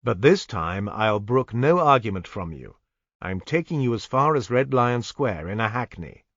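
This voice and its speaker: A courteous young gentleman, attentive but firm, as a male audiobook reader plays him in a low voice. The recording is dry with muted highs. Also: sing-song, normal speed, dry recording, heavily acted. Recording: dull, dry studio recording.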